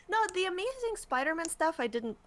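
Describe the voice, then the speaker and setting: Giggly high-voiced woman streamer. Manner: giggly, excitable, gushing. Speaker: streamer, co-host. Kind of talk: casual live-stream chat.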